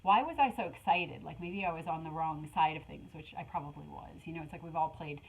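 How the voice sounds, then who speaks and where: A middle-aged woman giving a casual spiritual tarot reading, talking in an animated, rambling way with many fillers. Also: deep voice, fast, vocal fry, slightly rough, low-quality recording. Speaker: tarot reader.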